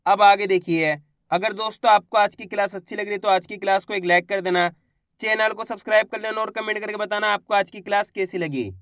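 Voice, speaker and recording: A man teaching a reading lesson. He sounds out words one syllable at a time and repeats each word slowly. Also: high-pitched, fairly even intonation, fairly bright tone, no echo, studio quality.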